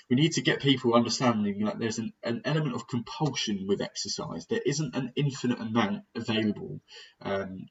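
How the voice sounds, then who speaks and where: A young British man giving a conversational recorded physiotherapy lecture, plain-spoken and self-aware about sounding monotonous. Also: mid-range voice. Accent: British English. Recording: distant mic, dull lo-fi sound.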